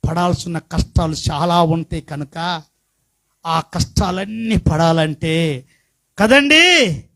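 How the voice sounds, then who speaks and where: A middle-aged male pastor preaching a sermon. He asks the congregation questions and moves between quiet talk and shouted preaching. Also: high-pitched.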